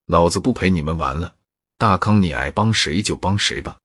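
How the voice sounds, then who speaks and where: A gruff, hot-tempered tough guy, as a storyteller puts him on, blunt and deep. The husky voice is recorded dry, storybook style. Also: normal speed, a bit bright, dry recording. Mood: furious.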